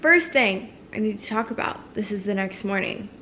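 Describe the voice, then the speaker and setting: A woman's voice: mid-range voice, lively intonation, moderate pace, pushed and bright, slight background noise. A woman in her twenties vlogging casually to camera at home, chatty and gushing, filling her talk with "like". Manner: chatty, gushing, says "like" a lot. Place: bedroom and home kitchen, indoors.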